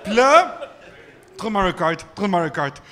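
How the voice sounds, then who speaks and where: Québécois man, 30s, high bright voice, animated live-podcast storyteller, slangy. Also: quick pace. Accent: Québécois French. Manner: animated, lots of fillers and slang. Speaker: guest storyteller. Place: microbrewery with live audience.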